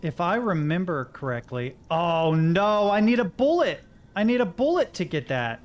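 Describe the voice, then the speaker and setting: With a high, sing-song voice at normal speed, the American gamer from Kentucky chats to himself while streaming and reads the game's notes out loud.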